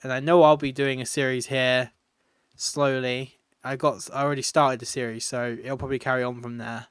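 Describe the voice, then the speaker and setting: A man's voice: mid-range voice, level tone, normal speed, a bit bright, clear, resonant tone, dry recording, studio quality. A tired man, chatting casually and rambling while live-streaming a video game, often laughing at his own jokes.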